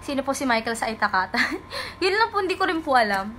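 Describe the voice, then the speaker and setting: A young woman from the Philippines talks in a casual livestream chat, polite and chatty as she reads out comments from fans. Her voice sits high, with a bright, crisp tone. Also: sing-song, fast talker, slight background noise, low-quality recording.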